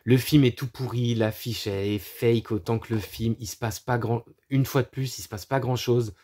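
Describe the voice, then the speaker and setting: Speaking at normal speed with a medium pitch, a man chats about his movie collection. He's crude, swears a lot and mocks things, laughing frequently and dropping in animated asides.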